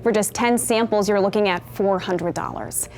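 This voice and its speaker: A woman's voice: mid-range voice, moderate pace, darkish tone. An American woman working as a television reporter, delivering scripted news narration.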